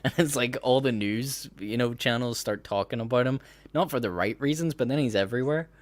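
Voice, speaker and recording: A man's voice: mid-range voice, fairly quick, no echo. A man hosting a podcast in casual chat, rambling and laughing as he breaks into mocking impressions. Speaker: podcast host.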